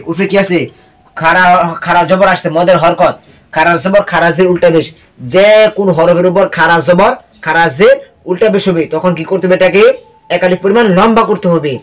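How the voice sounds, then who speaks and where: A man with a high voice leads a recitation lesson in a patient, drilling way. He asks a question, answers it himself, then repeats the word slowly. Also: steady tone. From Bangladesh. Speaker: Quran reading teacher.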